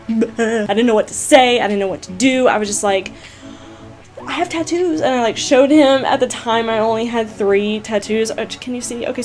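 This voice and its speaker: A young woman gaming vlogger, telling a story casually to camera, chatty and excitable, full of "like" and "you guys". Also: on the high side. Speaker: gaming YouTuber answering viewer questions.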